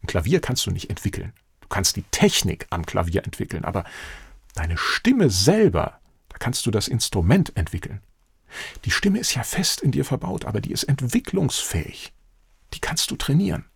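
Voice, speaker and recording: Lively gravelly-voiced male voice coach. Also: mid-range voice, moderate pace, no room sound, clean studio sound. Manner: direct, animated, addresses listener as "du". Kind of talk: coaching monologue to the listener.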